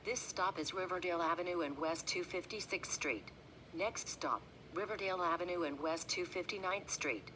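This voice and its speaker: A woman's recorded voice giving bus stop announcements in a flat, measured, clipped readout, heard inside a moving bus. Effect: bus stop announcement over the onboard speaker. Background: engine rumble and road noise.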